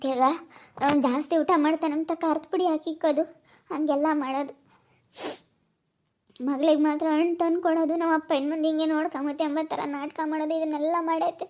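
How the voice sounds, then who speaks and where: A woman's voice: high-pitched, steady tone, brisk, darkish tone, lo-fi sound, natural voice. Woman playing a tearful accusing elder sister. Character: grieving young woman, motherless elder sister. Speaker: village family drama actress. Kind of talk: emotional rural family drama.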